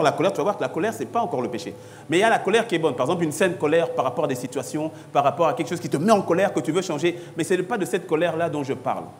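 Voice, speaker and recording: A man pastor preaching a sermon, driving points home by repeating short phrases with growing intensity. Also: a little high. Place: church.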